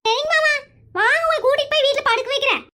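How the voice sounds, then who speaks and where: A woman voicing a dramatic young village wife in a cartoon, quick-tongued and argumentative. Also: bright, forceful tone. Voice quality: very high squeaky cartoon voice. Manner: wailing, fast, argumentative.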